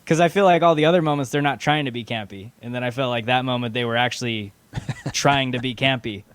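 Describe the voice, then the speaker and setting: A man's voice: medium pitch, fast, fairly bright tone, clean tone, no echo. A man co-hosting a movie podcast in casual chat, agreeable and laughing mid-sentence. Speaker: podcast co-host. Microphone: studio microphone.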